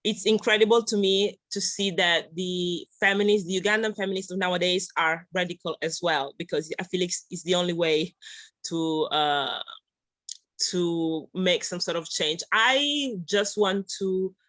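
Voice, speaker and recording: Earnest, halting woman raised in Italy. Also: lowish voice, a bit bright, no echo. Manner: earnest, halting, many fillers and restarts. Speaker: audience member asking a question.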